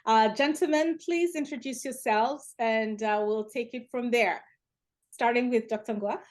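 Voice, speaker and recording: A woman's voice: on the high side, unhurried. A woman moderating a panel, politely inviting the guests to introduce themselves.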